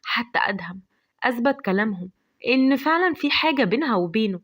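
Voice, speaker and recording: Brief: Egyptian woman storyteller, high voice, rapid lively narration.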